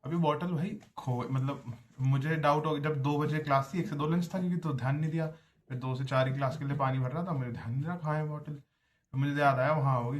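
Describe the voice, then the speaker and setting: Young college guy rambling a class story, chatty, calls everyone bro. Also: medium pitch. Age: young adult. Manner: chatty, keeps addressing viewers as brother. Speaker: college student vlogger. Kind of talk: casual storytelling vlog.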